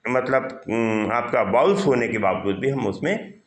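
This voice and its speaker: A man teaching a grammar class with a mid-pitched voice that moves up and down a lot. He walks through each point step by step, putting questions to the students and answering them himself. The sound carries a noticeable room echo. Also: animated, moderate pace. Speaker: English teacher. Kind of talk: classroom grammar lesson in Hindi. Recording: roomy echo.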